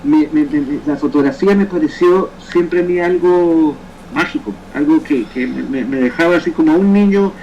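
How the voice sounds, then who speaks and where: A Salvadoran man in his fifties answers questions in a remote interview, thoughtful and halting, often restarting his sentences. His voice sounds mellow and dark. The call audio is muffled, with faint noise behind it. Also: a little high. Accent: Salvadoran Spanish. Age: 50s. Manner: reflective, halting, frequent restarts. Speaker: guest, photographer and poet.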